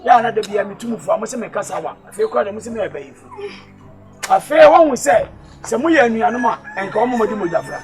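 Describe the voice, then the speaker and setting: A woman's voice: mid-range voice, animated, rapid-fire, few pauses. A Ghanaian woman in a comedy skit, playing a mother who lectures and scolds. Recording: faint music playing behind.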